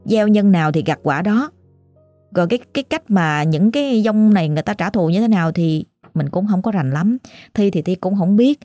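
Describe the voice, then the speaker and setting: A woman's voice: mid-range voice, animated, fairly quick, dark tone, no echo, faint music behind. A woman with a Southern Vietnamese accent, hosting and retelling a listener's ghost story in a chatty, exclamatory way. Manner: chatty and exclamatory, with frequent fillers. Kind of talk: casual spoken storytelling.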